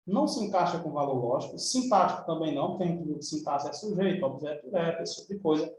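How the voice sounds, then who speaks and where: A man's voice: on the high side, expressive, fast talker, darkish tone, heavy reverb, far from the mic, slight background noise, poor audio. A man with a Brazilian Portuguese accent teaching an exam review lesson in a chatty, informal way, checking in with his students often. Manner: chatty, informal, frequent tag questions.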